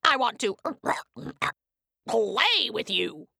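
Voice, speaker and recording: A woman's voice: a little high, very animated, drawn-out words, creaky, bright, forceful tone, husky, no room sound, studio quality, voice pushed up, full character voice. A woman voicing a hungry dog that barks and coaxes the gingerbread man over. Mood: coaxing. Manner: coaxing.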